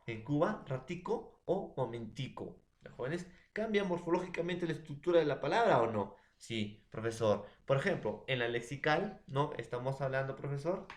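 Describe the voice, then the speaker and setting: A man's voice: medium pitch, expressive, normal speed, few pauses. Peruvian guy teaching class, lots of examples, asks the students if they follow, kinda echoey room. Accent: Peruvian Spanish. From Peru. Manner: explains with many examples, checks in often with the class. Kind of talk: classroom lecture.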